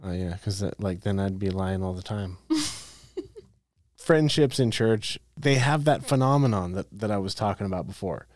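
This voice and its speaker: A man's voice: lowish voice, very animated, unhurried, darkish tone, dry recording. A man co-hosting a casual podcast chat, blunt and irreverent, often restarting his sentences.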